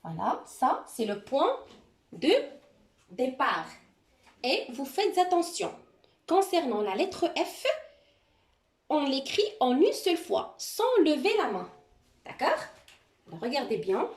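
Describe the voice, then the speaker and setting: Slow, patient woman teaching handwriting. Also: high-pitched, very animated. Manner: slow, patient step-by-step instruction. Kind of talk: handwriting lesson.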